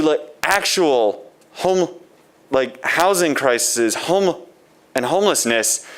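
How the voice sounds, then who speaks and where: Guy at the public comment podium, smooth clear voice, sarcastic and accusing. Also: mid-range voice, a bit bright. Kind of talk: public comment at city meeting. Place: city commission chamber.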